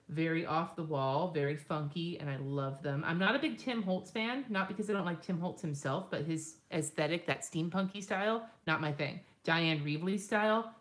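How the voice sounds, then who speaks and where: A woman hosting a live stream, chatting casually and rambling while she draws, swearing freely and laughing often. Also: deep voice. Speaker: lettering artist and live-stream host.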